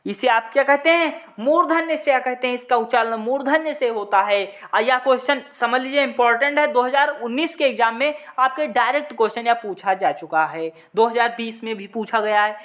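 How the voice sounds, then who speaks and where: A woman's voice: on the high side, a bit bright. A woman teaching an exam-prep lesson, asking questions and answering them herself over and over. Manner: repetitive question-and-answer drilling. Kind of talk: classroom lesson.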